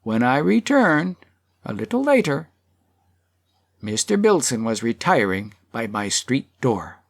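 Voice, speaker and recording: A man reads as a self-righteous townsman who makes his case before a public hall. The speech is earnest and persuasive, and the voice swings widely in pitch with a gravelly edge. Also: very animated, unhurried, heavily acted. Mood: pleading.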